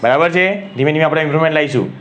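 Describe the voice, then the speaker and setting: A man's voice: a little high, racing, over a noisy crowd. A man with a Gujarati accent teaching English grammar to a class, asking questions and repeating key words.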